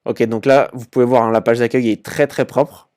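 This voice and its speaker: A man's voice: medium pitch, steady tone, normal speed, darkish tone, clear, resonant tone. A young man hosting a casual online business video, talking through a website with lots of fillers and repeated words. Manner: informal and chatty, many fillers and repeated words. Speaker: e-commerce channel host. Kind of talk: casual screen-share commentary.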